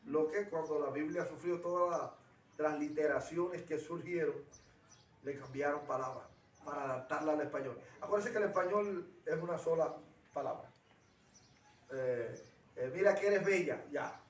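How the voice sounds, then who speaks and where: A man's voice: on the high side, normal speed. Man teaching in a roomy space. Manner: explains by acting out dialogues and anecdotes. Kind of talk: conversational teaching. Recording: roomy, distant from the mic.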